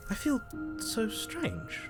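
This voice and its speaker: An actor playing an excitable, bewildered voice inside a game hero's head, questioning everything in an animated, skittish manner. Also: male voice, slow, heavily acted. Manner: high-pitched, animated, questioning. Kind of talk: dramatic video game acting. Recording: loud music underneath. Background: game music.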